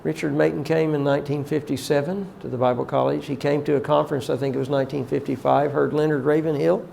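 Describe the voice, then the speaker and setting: An older man speaks in a gravelly, slightly high voice, heartfelt and halting as he reminisces. His talk turns prayerful and emotional. Faint outdoor ambience sits behind him. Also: steady tone, a little mellow, slight background noise. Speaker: college teacher and guide.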